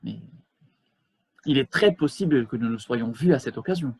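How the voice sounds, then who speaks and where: A man playing a stiffly polite English gentleman in an absurdist stage scene, speaking in a halting, ceremonious way over a video call. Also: medium pitch, expressive, gravelly, husky, rough recording. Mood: formal. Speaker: amateur actor.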